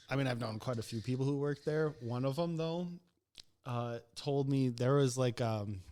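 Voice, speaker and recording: A male podcast co-host spins a story in casual chat, swearing freely and breaking into laughs. His voice sits at an everyday middle pitch.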